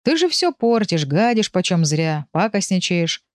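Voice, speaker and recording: A woman's voice: on the low side, big pitch swings, measured pace, no room sound, clean studio sound. A woman doing a mocking, grumpy male pet. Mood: scolding. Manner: mocking, scolding. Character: grumpy, sensible male pet animal, lecturing.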